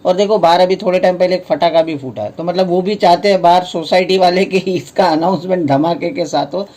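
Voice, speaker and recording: A man's voice: sits high, a little fast, darkish tone. A man with an Indian accent presenting a promotional offer in a casual explainer style, restating points and answering his own questions. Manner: explanatory, repeats and rephrases points, poses questions then answers them.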